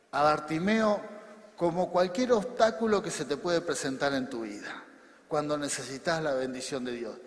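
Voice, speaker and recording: High-voiced Rioplatense pastor preaching. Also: male voice. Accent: Rioplatense Spanish. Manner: preaching with bursts of shouting and soft drops. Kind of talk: sermon. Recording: long hall reverb.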